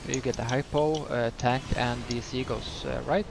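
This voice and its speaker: A man with a lisp and a nasal voice, giving a casual, halting game walkthrough. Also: mid-range voice, fairly even intonation. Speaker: gamer giving a healer guide. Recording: clear background noise, keyboard typing.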